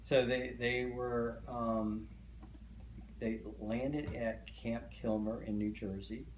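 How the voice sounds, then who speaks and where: Recalling his family history in an oral history interview, a middle-aged native Hungarian speaker hesitates often, using many fillers and restarts. His medium-pitched voice is steady and slow. The recording has an echoey room and faint noise.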